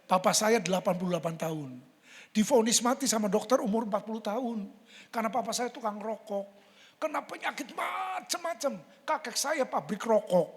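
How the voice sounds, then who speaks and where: A pastor in his sixties from Indonesia, preaching a sermon in a church and telling a family story in a lively way, often laughing and acting out what people said. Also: mid-range voice. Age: 60s. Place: church sanctuary. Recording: long hall reverb in a church.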